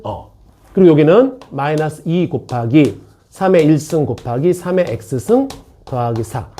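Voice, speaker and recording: A man's voice: mid-range voice, warm tone, slight background noise. A man teaching a math class in an academy classroom, joking around, repeating key points and checking in with the students. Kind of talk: classroom lecture.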